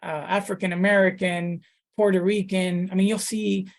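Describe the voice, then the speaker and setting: A man's voice: high-pitched, flat delivery, normal speed, gravelly. A man in his thirties from the Dominican Republic, a pastor talking casually in an interview, thoughtful, with many fillers and restarts. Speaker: pastor, guest.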